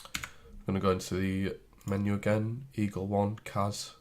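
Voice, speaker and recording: Sniffling from a cold, a man talks through a game tutorial while clicking and typing, thinking aloud in a loose, chatty screen recording. His voice is lowish, flat and darkish at a normal speed, with a little hiss or hum.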